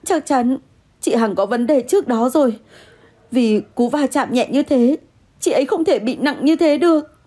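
A woman voicing a frightened young woman who pleads in a high, tearful voice. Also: expressive, normal speed, mellow. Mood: defiant. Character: young woman, frightened, then stubbornly honest.

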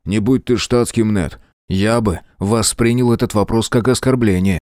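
A man's voice: lowish voice, normal speed, darkish tone, no room sound, studio quality, lightly acted. A man voicing a blunt, loyal soldier brother who talks earnestly in an audiobook.

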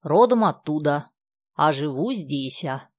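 A woman reading aloud and voicing a kindly, talkative old village woman who speaks in a slow, folksy way. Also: low-pitched, animated, darkish tone, no echo, studio quality, full character voice. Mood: folksy chatter.

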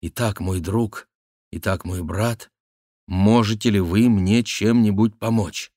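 A man's voice: lowish voice, steady tone, takes it slowly, a little mellow, no room sound, studio quality. A man reading an audiobook voices a desperate young noblewoman who is pleading her case. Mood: soft, hushed. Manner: pleading, raised voice.

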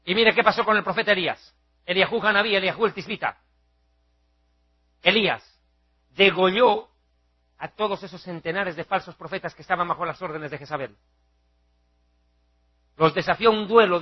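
A male preacher giving a fiery, mocking televised sermon, acting out shouting crowds. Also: high-pitched, moderate pace, long pauses, breathy edge, highs cut off.

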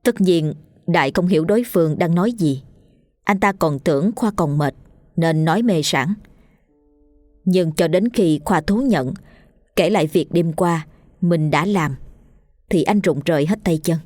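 A woman reading a ghost story aloud in a steady, measured way. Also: lowish voice, dry recording, clean studio sound, soft background music. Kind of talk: scripted ghost story narration.

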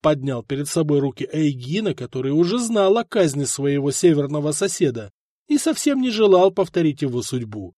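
A man narrates a historical story with dramatic, expressive delivery. His voice sits fairly high and moves widely in pitch. The recording is close and dry, with no room sound. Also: a little fast, dry recording. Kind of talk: audiobook narration.

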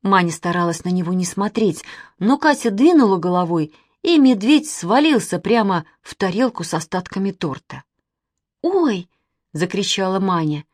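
A woman narrating a children's storybook in an expressive, unhurried way. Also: medium pitch, no room sound, clean studio sound. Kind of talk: storybook reading.

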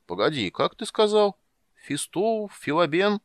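A man reading the part of a kindly, absent-minded old wizard who speaks quietly and mutters. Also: sits high, sing-song, a little slow, no room sound, voice pushed up. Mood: muttering.

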